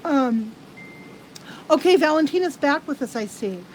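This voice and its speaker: High-voiced woman giving halting card readings. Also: expressive, slight background noise, poor audio. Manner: halting, many restarts. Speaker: tarot card reader. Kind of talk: live-streamed card reading.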